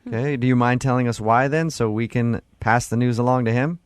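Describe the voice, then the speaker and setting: A man's voice: medium pitch, fairly even intonation, fairly quick, smooth, no echo, clean studio sound. A man hosting a morning radio show, running a playful prank phone call with teasing questions. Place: radio studio.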